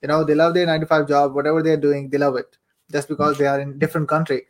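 A young adult man, from Saudi Arabia and later Pakistan, is a podcast guest who works as an affiliate marketer and coach. He tells his personal story casually and chattily, often repeating a phrase for emphasis. His voice is slightly high, with little pitch movement and a quick pace.

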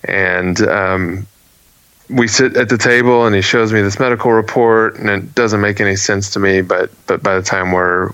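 A man with a low voice tells a personal story in an earnest, animated way, often restarting his sentences. The sound is dry and close to the mic, with no room around it. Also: no room sound, highs cut off. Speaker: guest. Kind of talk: storytelling in a casual interview.

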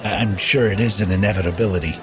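A man's voice: fairly low pitch, rapid-fire, over music, a crowd in the background, natural voice. A man voicing a haughty female mayor who talks in a clipped, dismissive way. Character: haughty female town mayor, curt and disdainful.

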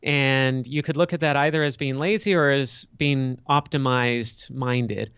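A man's voice: medium pitch, fairly even intonation, a little slow, fairly bright tone, smooth, no room sound, lo-fi sound. A middle-aged man, an entrepreneur guest on a podcast, telling his story candidly and reflectively, picking up energy when he makes a point. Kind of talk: candid storytelling interview answers.

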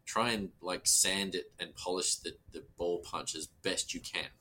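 A man chatting casually about his craft as a blacksmith, halting and often repeating words. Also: low-pitched, pushed and bright, a little hiss or hum. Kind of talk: casual shop-talk chat.

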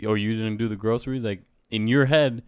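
A man talks casually and at length, emphatic and talkative, dropping "bro" again and again. His fairly low voice holds a steady, clean tone at a fairly quick pace, recorded in a clean studio with no room sound.

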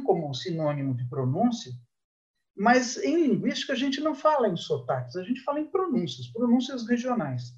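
A man, a linguist guest, explaining patiently and methodically in an interview. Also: sits high. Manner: didactic, measured, lively intonation. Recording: dull lo-fi audio.

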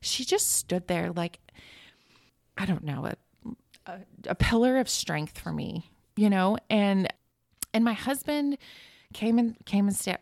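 An earnest woman recounts a personal story as a podcast guest, her voice carrying a gravelly creak. She talks with feeling and often restarts her sentences. The recording is dry, with no room echo. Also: medium pitch, animated, measured pace, darkish tone. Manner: earnest, emotional, many restarts.

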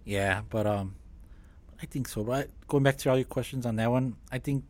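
A man who owns a business, speaking as a guest in a casual podcast conversation and talking in a relaxed, halting way. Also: medium pitch. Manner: relaxed, halting with many restarts and fillers.

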